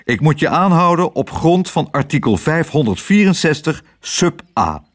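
A man's voice: a little high, very animated, normal speed, pitched above the performer's own voice. A man voicing a stern, pompous male police dog who talks in formal, officious language in a storybook reading. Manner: formal, officious bureaucratic speech.

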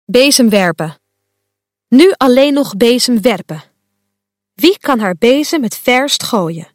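A woman reading a children's story aloud in a playful, expressive way. Her pitch swings widely and her pace is slow and unhurried. The sound is dry and close. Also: no echo.

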